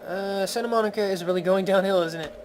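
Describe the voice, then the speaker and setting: A man's voice: sits high, quick pace, a crowd in the background, rough recording. A man giving casual let's-play commentary in a chatty, playful, wry way. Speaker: video game commentator. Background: game music.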